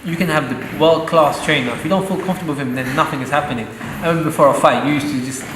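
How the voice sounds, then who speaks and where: Rapid-fire and on the higher side, the young man's voice carries through a pre-fight interview in a boxing gym. A Saudi-born professional fighter, he is earnest and proud, joking occasionally, against loud, echoing ambient noise.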